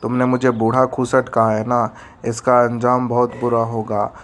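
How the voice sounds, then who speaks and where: A man's voice: medium pitch, little pitch movement, moderate pace, lightly acted. A man playing a meddling grumpy old man. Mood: threatening. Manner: threatening, tattling. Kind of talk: animated story voice-over.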